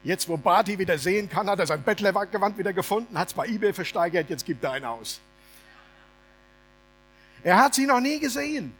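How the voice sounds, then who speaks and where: Brief: animated male preacher, colloquial and funny, retelling a story. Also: high-pitched, fairly quick, a little hiss or hum. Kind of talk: sermon told as a lively story.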